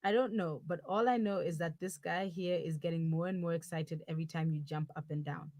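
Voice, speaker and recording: Brief: woman voicing a sarcastic young girlfriend in the wrong body, comic audio drama, lowish voice, dead dry sound. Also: fairly even intonation, fairly quick, darkish tone, dry recording, dull audio, natural voice. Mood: teasing. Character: blunt young woman stuck in her boyfriend's body.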